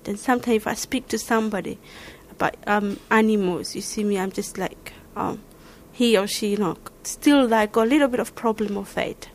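A woman from Somalia with a Somali accent, answering interview questions in halting, searching English. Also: mid-range voice, a little hiss or hum. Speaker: learner interviewee.

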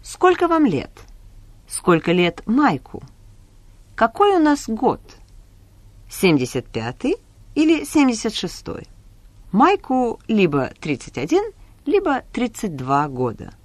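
A woman presenting a language lesson in a clear, teacherly scripted voice. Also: on the high side, huge pitch swings, a little slow, pauses often, no room sound.

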